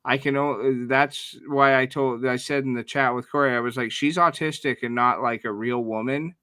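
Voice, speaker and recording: Crude joking guy in his 30s, bright forceful voice, casual podcast chat. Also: mid-range voice, steady tone, moderate pace, clean tone, no echo. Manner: crude, joking, swears a lot. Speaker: podcast co-host.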